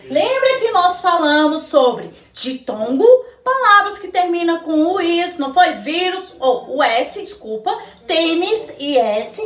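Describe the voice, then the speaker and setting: A woman teacher with a Brazilian Portuguese accent giving a recorded lesson to young children, slowly asking questions and answering them herself. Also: extremely high pitch, very animated, fairly bright tone, distant mic. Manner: slow, sing-song teacher talk, answers her own questions. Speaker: primary school teacher. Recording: echoey room, slightly off-mic.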